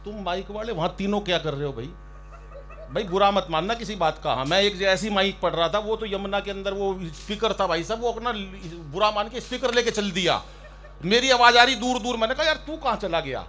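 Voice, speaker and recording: Bright-voiced man joking at a poetry stage. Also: high-pitched, fairly quick, a little hiss or hum. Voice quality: loud, ribbing, storytelling with mock shouts. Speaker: stand-up poet. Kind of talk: humorous poetry recital banter. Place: outdoor stage by a river.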